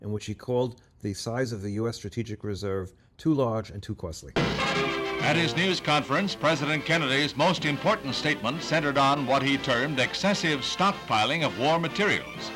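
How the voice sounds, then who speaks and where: A man's voice: medium pitch, moderate pace, over music. Give me a male announcer on an old newsreel soundtrack. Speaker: newsreel narrator. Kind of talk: 1960s newsreel narration.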